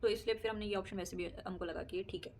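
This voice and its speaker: A woman's voice: mid-range voice, steady tone, very fast, a little mellow. A young adult woman vlogger chatting casually to camera about her daily life, laughing often and mixing in English words. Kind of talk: casual personal chat to camera.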